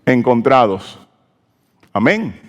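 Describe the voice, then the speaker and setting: In a church sanctuary, a pastor delivers a sermon, leading the congregation in call-and-response and posing questions to them. His mid-range voice is sing-song and slow, and the hall carries a long reverb.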